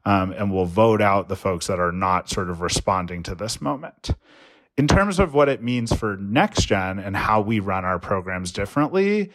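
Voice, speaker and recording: A man who organizes young voters, giving earnest, energetic answers in an interview. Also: lowish voice.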